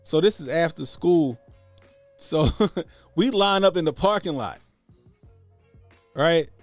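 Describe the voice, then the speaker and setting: A man's voice: on the high side, expressive, takes it slowly, no echo, faint music behind. A man in his late thirties from the Baltimore area, hosting a podcast and telling profane, laid-back stories in casual chat. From Baltimore area, USA. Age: 30s. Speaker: podcast host.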